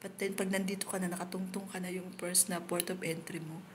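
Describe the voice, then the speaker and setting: A woman from the Philippines talks into her phone while live-streaming outdoors. Her voice sits a little low, and she is chatty and openly emotional with her viewers. A faint background hiss runs under her speech. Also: level tone, brisk. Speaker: livestreamer. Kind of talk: casual live-stream chat.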